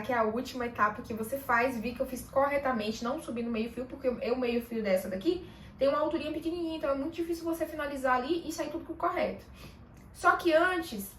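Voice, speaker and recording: A woman with a high voice tells a personal story to the camera, casual and animated, briefly acting out bits of dialogue. She sounds a little far from the mic in an echoey room, with faint noise behind her. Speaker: vlogger.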